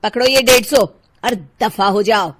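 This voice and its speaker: A woman voicing a rude, stingy young mother in a cartoon, who scolds loudly. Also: expressive, a little slow, noisy background. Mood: haggling angrily. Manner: loud, shrill and scolding.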